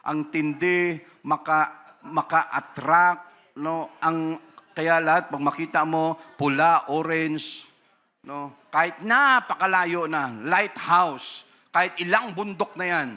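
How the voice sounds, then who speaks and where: A man's voice: a little high, slow pace, sharp tone. A male pastor preaching a conversational sermon, switching between Tagalog and English and tagging sentences with a questioning "no?". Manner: conversational preaching, frequent tag "no?"; acts out quoted voices.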